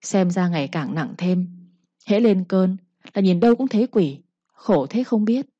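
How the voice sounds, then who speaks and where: A woman's voice: medium pitch, lively intonation, unhurried, dark tone, no echo, highs cut off. A woman voicing a scheming younger second wife who speaks with a falsely sweet, coaxing tone, in a storybook reading.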